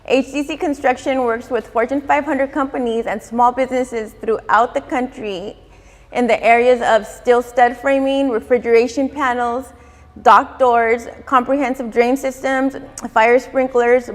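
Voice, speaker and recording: A woman's voice: fairly high pitch, steady tone, measured pace. A woman reading scripted sponsor announcements as a podcast ad narrator. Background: music.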